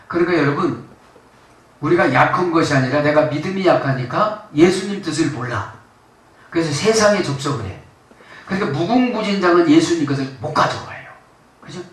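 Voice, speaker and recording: Echoey, distant-miked male pastor preaching. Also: fairly high pitch. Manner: keeps prompting the congregation with quick checks and rhetorical questions. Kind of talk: sermon. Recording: very echoey room, mic far off.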